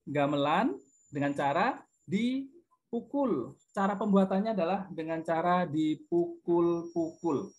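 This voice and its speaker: A man's voice: a little high, slow pace, a little mellow, highs cut off. Middle-aged male guest teacher, patient, sings example tunes. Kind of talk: online class lecture to children.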